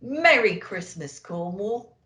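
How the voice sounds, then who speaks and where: A man's voice: sits high, lively intonation, slow pace, bright, forceful tone, echoey room, full character voice. A woman voicing a jolly, hearty, reassuring old Santa Claus in a children's storybook reading. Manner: cheerful, exclaiming.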